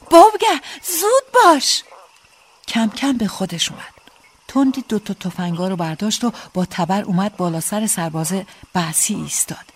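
A woman narrates a first-person story with dramatic tension in her delivery. Her voice sits at a middle pitch for a woman. It is a steady audiobook reading.

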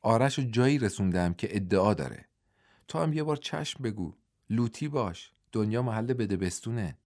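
Older wrestling coach, persuasive and fatherly, deep tone, as a male narrator puts him on. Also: expressive, a little mellow. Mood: coaxing.

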